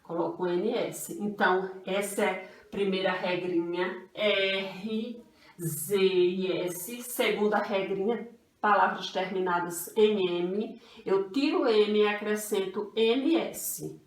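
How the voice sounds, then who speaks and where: Slow, patient Brazilian woman teacher. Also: medium pitch. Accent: Brazilian Portuguese. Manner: patient, refers to herself as "tia", repeats rules slowly. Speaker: primary school teacher. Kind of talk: online grammar lesson for children. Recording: echoey room, voice from a distance.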